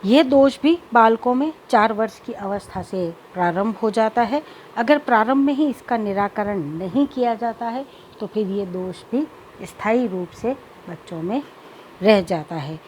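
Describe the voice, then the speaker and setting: A woman lecturer explaining childhood speech disorders in a measured teaching manner, slipping English terms into her explanations. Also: medium pitch, lively intonation, a little mellow, a little hiss or hum, poor audio. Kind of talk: recorded lecture.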